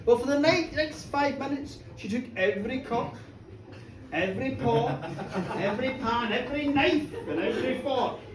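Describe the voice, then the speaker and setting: A storyteller tells a folk tale live in an indoor bar, her high voice animated at a moderate pace. She performs theatrically and colloquially, repeating phrases for effect. A distant mic picks up the echoey room and background noise.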